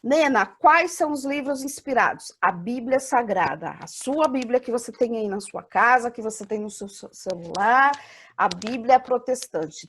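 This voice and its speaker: A Brazilian woman with a fairly high voice leads an online Bible course. She explains each point step by step. She often raises a student's question and then answers it herself. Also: breathy edge. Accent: Brazilian Portuguese. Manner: explanatory, asks and answers her own questions. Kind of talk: online class lecture.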